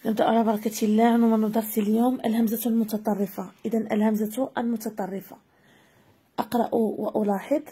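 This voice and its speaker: A woman teaching a grammar lesson, spelling out example words slowly and deliberately. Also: a little high, little pitch movement, warm tone, slightly rough. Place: video lesson voice-over.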